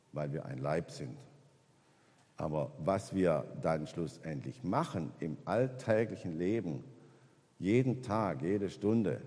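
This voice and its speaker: Guy preaching in a church hall, lowish voice, long echo, gets loud on the big points then goes quiet. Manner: rises in pitch and volume when stressing points, drops low and soft in reflection. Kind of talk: sermon.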